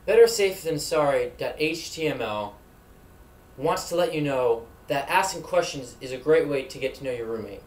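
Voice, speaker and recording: Hosting a mock safety video from his dorm room, a young man earnestly narrates a script full of solemn, preachy advice. His fairly high voice is animated and moves at a moderate pace. The recording carries an echoey room sound.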